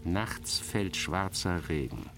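A man with a low voice narrates a dramatic first-person literary piece, radio-play style, sounding theatrical and sardonic with expressive shifts in emphasis. He speaks slowly, with music playing in the background.

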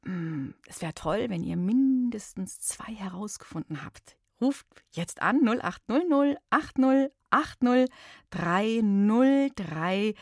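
A woman presenting a children's radio show in a chatty, playful, expressive storytelling style, speaking straight to the listeners. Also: medium pitch, no echo, studio quality. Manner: expressive, addresses young listeners directly. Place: radio studio.

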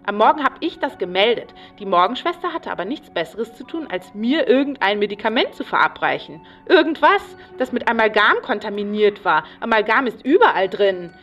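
A woman's voice: mid-range voice, sing-song, fairly quick, hardly any pauses, a bit bright, distant mic, highs cut off, soft background music. An agitated, paranoid patient rambles and repeats herself obsessively in a radio play monologue. She is recorded a little way back from the microphone. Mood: fearful.

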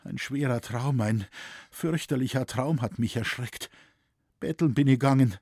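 A man's voice: mid-range voice, moderate pace, a little mellow, no echo, studio quality, lightly acted. A man reading an audiobook, voicing a poor, proud young woman who sobs and pleads in despair. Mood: pleading. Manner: sobbing, pleading.

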